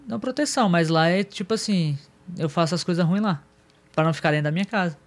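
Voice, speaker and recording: A man guesting on a podcast who tells stories in a quick, animated way. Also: high-pitched. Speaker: podcast guest, horror video creator. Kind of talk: casual chat.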